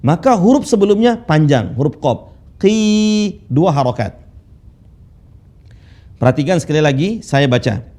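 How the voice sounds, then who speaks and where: A man teaching Quran recitation rules, patiently drilling students with slow, drawn-out recited phrases. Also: fairly high pitch, very animated, mellow. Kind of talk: tajwid lesson with recitation drills. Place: classroom studio with whiteboard.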